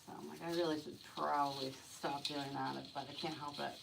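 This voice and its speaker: A woman's voice: sits low, little pitch movement, fairly quick, gravelly, noisy background. A woman chatting casually during a live stream as she designs a wreath, rambling with lots of fillers and talking to herself as she works. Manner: talks to herself while working. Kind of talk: casual live-stream chat while crafting.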